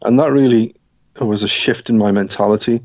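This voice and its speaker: A middle-aged man from Scotland, speaking as an interview guest and telling his life story in a reflective, measured way with frequent restarts. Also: fairly low pitch, steady tone, dry recording, dull audio.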